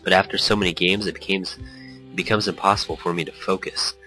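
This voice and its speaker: Poor audio with soft background music carries a low, steady-toned male voice that is sharp and fairly quick. He's a let's play host reading a visual novel aloud, quoting character lines, cracking jokes, laughing often, and catching and fixing his own slips.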